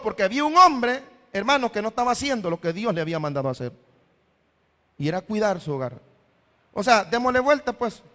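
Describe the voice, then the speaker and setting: A man with a high, fairly bright voice preaches as pastor in a church hall whose long reverb fills the recording. Addressing listeners as brother again and again, he voices questions he imagines from the congregation.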